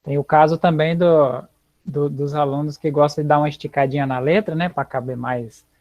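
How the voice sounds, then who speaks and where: A man's voice: fairly high pitch, fairly even intonation, moderate pace, no room sound. A man in a live online class, casually giving advice. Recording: dull dry lo-fi audio.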